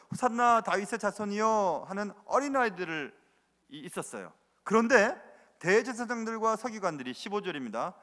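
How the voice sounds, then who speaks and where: A man preaching a sermon with a high voice that rises and falls a great deal, driving each point home with repeated emphatic words. His voice rings through a reverberant church hall, picked up by a sanctuary microphone. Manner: animated, emphatic, repeats filler words often. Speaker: pastor.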